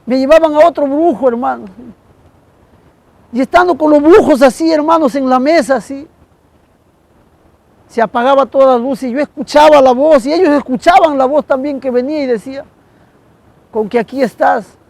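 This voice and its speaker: A man telling an emotional religious testimony in a halting way, again and again calling his listener "brother". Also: extremely high pitch, gravelly, a little mellow, dry recording, poor audio. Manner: halting, keeps addressing the listener as "hermano". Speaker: guest giving a religious testimony.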